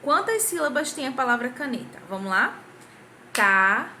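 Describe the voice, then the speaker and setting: Woman, Brazilian Portuguese accent, young adult, primary school teacher, patient, asks questions, high bright voice. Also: sing-song, fairly quick, slight background noise. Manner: patient, claps out syllables, asks the class questions. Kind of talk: recorded grammar review lesson for children.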